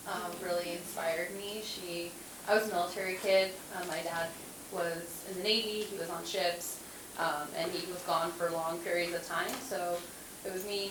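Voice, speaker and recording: A woman with a lowish voice talks candidly and self-deprecatingly on a panel. She is miked from a distance, with a roomy echo and a clearly audible hiss. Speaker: career panelist. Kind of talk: panel answer, personal storytelling.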